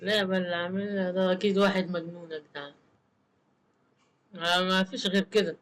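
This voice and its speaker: A man with an Egyptian Arabic accent talks over his gameplay in a high, excitable voice, joking and laughing as he plays. Loud game noise runs under his voice the whole time. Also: fast. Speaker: gamer. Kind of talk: let's play commentary.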